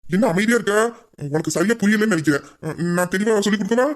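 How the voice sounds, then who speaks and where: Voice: mid-range voice, fast talker, close to an everyday voice. A performer voicing a teasing young man, a bossy boss and doting suitor, in an audio drama. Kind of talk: Tamil audio drama acting.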